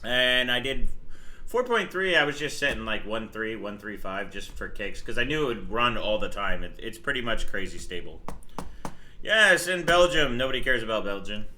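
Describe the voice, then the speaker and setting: A man's voice: on the low side, expressive, normal speed, sharp tone, a little hiss or hum. A man from New Jersey hosting a casual live stream, greeting viewers and explaining computer settings as he works. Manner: chatty, greets viewers, explains overclocking settings while working. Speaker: livestream host.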